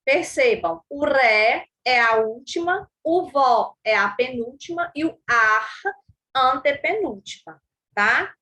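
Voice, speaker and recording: A Brazilian woman teaching a recorded school lesson, speaking slowly and deliberately and often checking with the class. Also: sits high, animated, pushed and bright. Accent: Brazilian Portuguese. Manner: slow, deliberate, checks understanding with "tá?".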